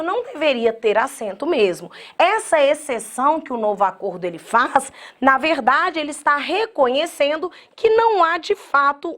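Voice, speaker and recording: A Brazilian woman, a grammar teacher, delivers an exam-prep lecture in a high-pitched, slightly bright voice. She addresses her students directly, sounds words out slowly syllable by syllable, and acts out the objections they might raise.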